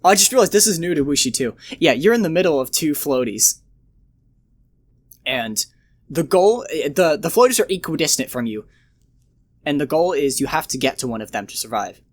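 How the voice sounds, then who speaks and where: A man's voice: on the high side, animated, a little fast. A man hosting a podcast in casual chat, playfully posing silly hypothetical questions. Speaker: podcast host.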